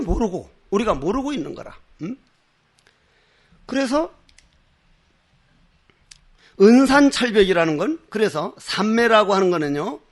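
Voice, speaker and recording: Older monk giving a fired-up dharma talk, high voice, swings up and down a lot, acts out the people in his stories. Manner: impassioned, emphatic. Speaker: Buddhist monk.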